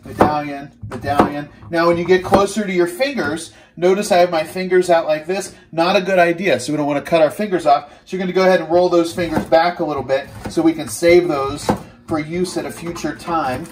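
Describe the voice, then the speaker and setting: A man's voice: on the high side, fairly quick, recorded from a distance, background noise. A man in his thirties giving a casual, joking cooking demonstration in a small home kitchen, filmed from a few steps away. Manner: upbeat, joking, energetic while cooking. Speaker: fitness cooking host. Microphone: camera mic, filmed from a few steps away. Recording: echoey kitchen, voice slightly off-mic.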